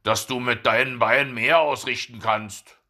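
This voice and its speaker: A man's voice: medium pitch, fairly even intonation, moderate pace, pushed and bright. A man doing a cocky, sly little hedgehog. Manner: cocky, bossy. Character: sly stubborn male hedgehog.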